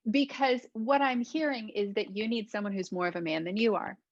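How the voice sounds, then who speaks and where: A woman's voice: medium pitch, fairly quick, no echo. Woman coach in a dry, dull recording. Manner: affirming, explanatory. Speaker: podcast host and dating coach. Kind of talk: conversational coaching.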